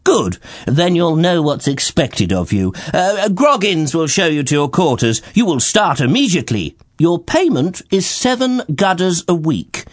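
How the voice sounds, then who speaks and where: A man's voice: fairly high pitch, sing-song, unhurried, no room sound, studio quality, pitched above the performer's own voice. A man voicing a gloomy, pompous king in a storybook, hemming and hawing before turning stern. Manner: hesitant, hemming, then stern and authoritative. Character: gloomy, pompous middle-aged male king.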